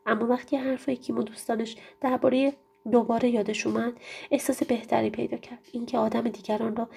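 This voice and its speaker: A woman reading a children's storybook aloud in a gentle way, often restarting phrases. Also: fairly high pitch, vocal fry, husky. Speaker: reader.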